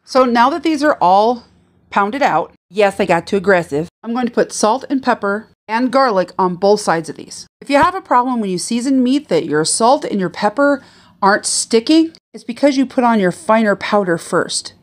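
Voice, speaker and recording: A chatty middle-aged woman, a retired chef, walks through a recipe in her home kitchen with a pitch that bounces all over. She talks straight into a phone held close, upbeat and instructive. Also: animated, moderate pace. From American Midwest. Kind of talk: casual cooking video.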